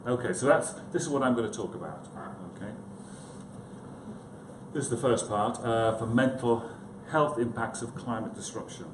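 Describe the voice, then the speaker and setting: A male psychiatrist speaks informally at a conference, hesitantly and with self-deprecating humor, chatting aside to his listeners now and then. His mid-range voice keeps a moderate pace, recorded in an echoey conference room with noticeable noise.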